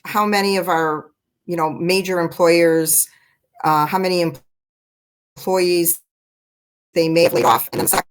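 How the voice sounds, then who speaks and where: A woman council member asking questions in short halting bursts over a video call whose audio keeps breaking up with dropouts. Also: fairly low pitch, rough recording. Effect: choppy, breaking-up video call audio with dropouts. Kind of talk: remote meeting question.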